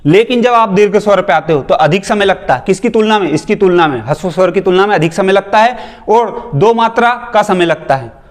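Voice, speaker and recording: A man with a somewhat high-pitched voice teaches grammar in a loose, chatty exam-prep lecture. He keeps asking his students questions and answering them himself. He drifts into teasing, joking asides along the way. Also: lively intonation, fairly quick.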